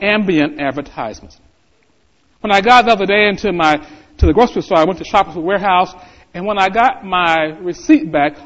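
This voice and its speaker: A middle-aged man preaching a sermon as pastor, building to fervent emphasis. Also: fairly high pitch. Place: church sanctuary. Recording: reverberant hall, dull lo-fi sound.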